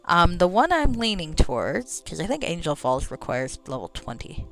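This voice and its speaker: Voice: mid-range voice, sing-song, moderate pace, vocal fry, fairly bright tone, faint music behind. A game streamer giving casual, rambling commentary, talking to themself and swearing freely. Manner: sweary, rambling, talks to self. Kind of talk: casual gameplay commentary with some read-aloud game text.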